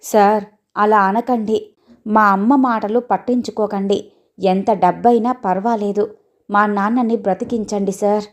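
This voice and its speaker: A woman's voice: medium pitch, fairly even intonation, a little slow, lightly acted. A woman voicing a devoted young daughter in a storybook reading, pleading and reproachful by turns. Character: devoted young adult daughter, earnest and protective.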